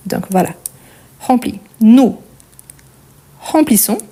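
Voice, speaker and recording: A woman's voice: a little high, lively intonation, slow, dark tone. A woman with a Portuguese accent teaching a French conjugation lesson, explaining patiently step by step and checking in often with the learner.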